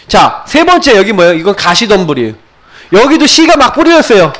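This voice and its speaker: Guy pastor doing a kids sermon, high voice, keeps asking the kids stuff and answering it himself. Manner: lively, asks the kids questions and answers them himself. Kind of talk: children's sermon. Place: church.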